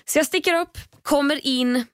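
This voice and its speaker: A young woman hosting a podcast, telling a story in an animated, casual way, swearing freely and acting out what people said. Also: high-pitched, no echo, clean studio sound. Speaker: podcast host.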